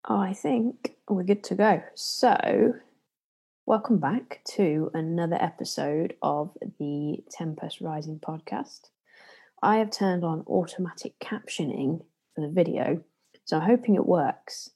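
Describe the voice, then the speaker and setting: A woman's voice: fairly low pitch, a little slow, mellow, breathy edge. A woman with a Leicester accent from the English East Midlands, hosting a podcast and explaining things casually with careful diction. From Leicester area, England. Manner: speaking carefully to be understood. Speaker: podcast host and meditation trainer.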